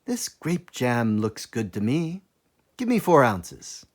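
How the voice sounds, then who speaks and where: A man's voice: medium pitch, sing-song, slow. A man voicing an eager, boastful little tailor in a storybook, exclaiming with self-importance. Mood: businesslike.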